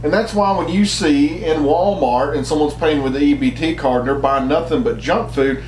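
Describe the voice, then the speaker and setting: A man's voice: on the high side, moderate pace, darkish tone, echoey room, slight background noise. A man from the United States giving an argumentative opinion monologue, emphatic and often restarting his words. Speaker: commentator.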